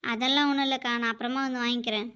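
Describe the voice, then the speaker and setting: A prying, wheedling neighbor woman from a cartoon, put on by a woman. She pitches her voice up high and keeps it bright and sharp. The sound is muffled and lo-fi. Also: steady tone, racing, clean tone. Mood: polite. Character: nosy, prying middle-aged neighbor woman. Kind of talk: animated cartoon dialogue. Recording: dull lo-fi audio.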